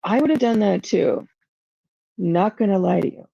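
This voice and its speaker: A woman's voice: mid-range voice, normal speed, gravelly, warm tone, breathy edge, no room sound, muffled recording. A woman streamer in casual livestream talk to her chat, rambling and emotional, full of self-doubt and "like" fillers. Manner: frequent "like" fillers.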